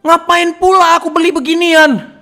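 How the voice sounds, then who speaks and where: A young man streaming a game, chatting loudly and teasingly with his viewers and laughing often. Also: extremely high pitch, moderate pace. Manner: loud, teasing and excitable, with frequent laughter and repeated "ya kan". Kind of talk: casual live-stream chat.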